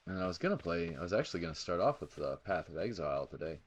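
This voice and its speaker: Low-voiced guy chatting over his game stream, rambly, noisy background hiss. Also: big pitch swings, fast. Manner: rambling, thinking aloud, with exclamations. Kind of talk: casual gameplay commentary.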